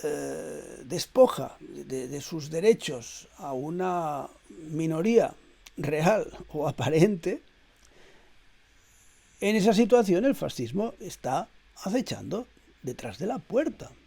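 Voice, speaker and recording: A middle-aged man talks through a reflective essay, his voice slightly high yet gravelly with fry. The tone is mellow and dark, and he is measured and hesitant, filling pauses with "eh" and restarting his phrases. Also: lively intonation. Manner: measured, hesitant with frequent "eh" fillers and repeated words. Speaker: essayist reading his own text.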